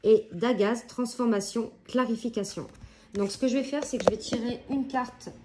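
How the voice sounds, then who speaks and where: Une femme qui présente un jeu d'oracle en bavardant et énumère les mots-clés des cartes avec de petites hésitations. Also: female voice, on the high side, background noise. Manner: chatty, lists keywords with quick hesitations. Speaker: oracle deck reviewer. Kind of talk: casual unboxing and card reading.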